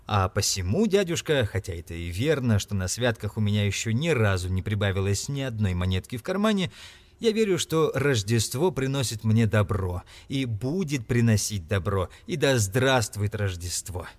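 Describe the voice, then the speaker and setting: A man's voice: very animated, normal speed. A man reading an audiobook, voicing a cheerful, earnest young man who pleads with his uncle. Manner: eager, earnest, lightly raised pitch.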